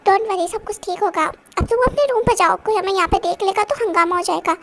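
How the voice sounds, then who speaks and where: A performer doing a gentle, soothing young woman. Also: very high voice, a little fast, slight background noise. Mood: tender. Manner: calming and scolding gently. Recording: music playing behind.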